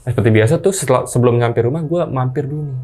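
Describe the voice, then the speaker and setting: A man, casually recounting a ghost story as a guest, halting and unhurried with slangy asides. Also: medium pitch, a little mellow.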